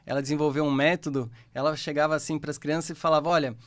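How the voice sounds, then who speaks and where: A man's voice: fairly high pitch, little pitch movement, fast. A Brazilian man with a Brazilian Portuguese accent, a guest instructor explaining a therapy technique patiently in a podcast interview.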